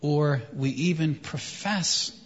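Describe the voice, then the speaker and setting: A man preaching a sermon in short phrases, pausing for his interpreter. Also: fairly high pitch, slight background noise. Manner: emphatic, pauses for translation. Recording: echoey hall, dull sound.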